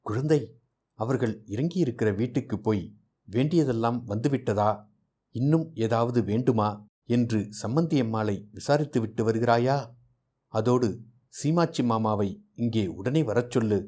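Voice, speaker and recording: A man's voice: medium pitch, moderate pace, husky, close to an everyday voice. A man reading aloud voices an anxious, talkative older mother who chatters on without stopping. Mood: fussing. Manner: chattering, soft.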